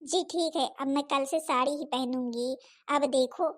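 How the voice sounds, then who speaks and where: A jealous, scheming young wife, played by a woman in a cartoon story. Her high voice sounds sneering and boastful, with a hot temper underneath. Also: steady tone, measured pace.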